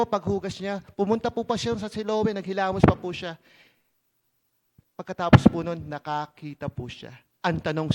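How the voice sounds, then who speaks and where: A male pastor with a high, light voice delivers a sermon from the pulpit. He preaches in a lively, conversational way, mixing in English phrases and often checking in with his listeners.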